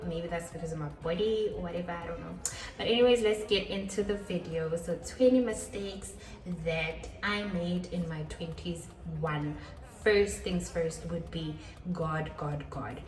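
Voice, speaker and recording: A woman's voice: lowish voice, darkish tone. A woman in her twenties hosting her own vlog, talking casually and a bit self-deprecatingly, often repeating herself. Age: 20s. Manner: chatty, self-deprecating, with quick laughs and repetitions. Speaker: channel host. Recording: roomy echo, a little far from the mic.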